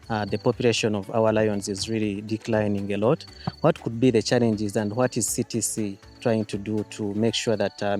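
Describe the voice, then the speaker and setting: A man hosting an interview, asking long questions with halting starts and short murmured replies. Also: lowish voice, a little mellow. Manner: hesitant, many uh fillers, short backchannels. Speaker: interview host.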